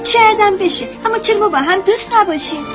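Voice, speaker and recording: A bossy, chatty little cartoon girl chatters away in a piping, very high voice. Music plays clearly beneath the dubbed clip. She sounds spirited and sure of herself. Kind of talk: cartoon dubbing.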